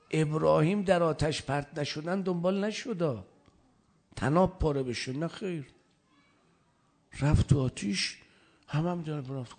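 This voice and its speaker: Husky-voiced man preaching a sermon. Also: a little high. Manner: storytelling, quoting scripture in Arabic.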